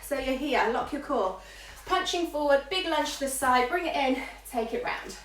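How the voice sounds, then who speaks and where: A woman's voice: high-pitched, animated, moderate pace, fairly bright tone. A woman working as an aerobics instructor, calling out moves and counts in short, encouraging cues during a live workout. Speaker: fitness instructor leading a live workout class. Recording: echoey room, far from mic, faint noise.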